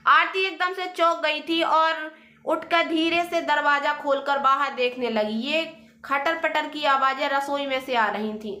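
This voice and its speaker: A woman narrating a family drama story in a dramatic, expressive way. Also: sits high, echoey room.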